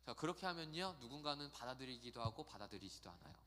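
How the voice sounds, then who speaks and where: Male youth pastor, animated storyteller, bright voice, church hall reverb. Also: mid-range voice, fast talker. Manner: chatty, animated storytelling with acted quotes. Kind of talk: youth sermon. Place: church sanctuary.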